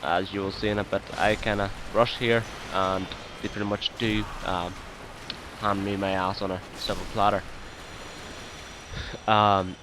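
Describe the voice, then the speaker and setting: Low-voiced man giving hesitant game commentary. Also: a little hiss or hum. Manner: hesitant, full of ums and uhs; relaxed, chatty and apologetic. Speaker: let's play host. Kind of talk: casual gameplay commentary.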